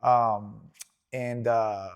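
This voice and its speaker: A man's voice: medium pitch, drawn-out words, creaky, clean tone. A man in his forties, originally from Venezuela, talks through his childhood in a loose, rambling interview style. He keeps circling back with fillers and restarts, easygoing rather than polished. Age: 40s. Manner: relaxed, rambling storytelling with frequent fillers and restarts. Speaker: jiu-jitsu instructor, guest. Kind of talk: casual interview.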